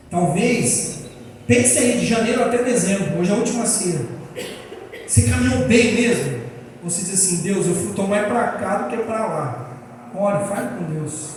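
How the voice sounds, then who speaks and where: A man with a Brazilian Portuguese accent preaching a sermon as pastor, telling stories in an animated way with acted-out quotes. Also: high-pitched, a little hiss or hum. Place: large church hall. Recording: echoey church hall, voice from far off.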